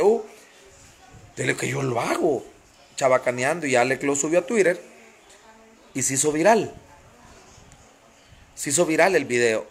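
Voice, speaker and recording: A man with a Honduran accent ranting passionately on a live stream, greeting viewers by name and repeating phrases for emphasis. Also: mid-range voice. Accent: Honduran Spanish.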